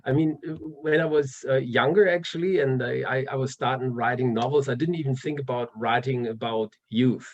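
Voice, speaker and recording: An author with a German accent chats casually as an interview guest, his medium-pitched voice moving at normal speed with few pauses. He sounds hesitant, laughs often, and keeps restarting sentences with fillers. The audio is dull.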